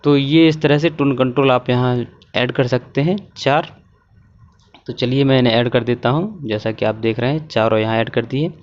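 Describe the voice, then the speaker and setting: A man's voice: medium pitch, normal speed, highs cut off. Man patiently explaining a circuit diagram. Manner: patient, repeats points, many "ah" fillers. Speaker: electronics tutorial presenter.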